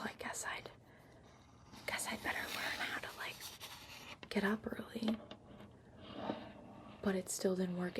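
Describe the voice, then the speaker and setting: A woman giving an unhurried ASMR ramble in a hushed whisper and soft voice, recorded up close on a laptop microphone. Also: medium pitch. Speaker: ASMR vlogger. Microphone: built-in laptop microphone, up close. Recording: lo-fi laptop microphone, clear background noise. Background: tapping and keyboard-like scratching sounds.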